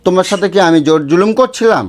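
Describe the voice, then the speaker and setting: A man's voice: high voice, expressive, fast. Defiant man arguing back. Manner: defiant, argumentative, provoking. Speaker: husband in a couple vlog. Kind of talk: heated domestic quarrel.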